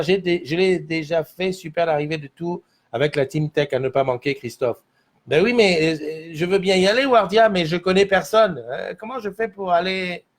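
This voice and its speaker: Guy doing a loose morning stream from his little studio, chatting away and replying to the chat. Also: sits high. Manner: rambling, reads out and answers viewer comments. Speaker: livestream host. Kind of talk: casual morning livestream chat. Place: small home studio.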